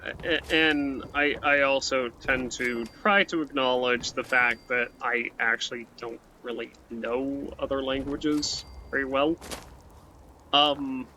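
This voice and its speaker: Taking his time, a let's play host with a mid-range, sharp-toned voice and little pitch movement offers rambling, easygoing commentary during gameplay. "Right?" pops up often, and he frequently restarts what he's saying. The recording is muffled and faintly hissy.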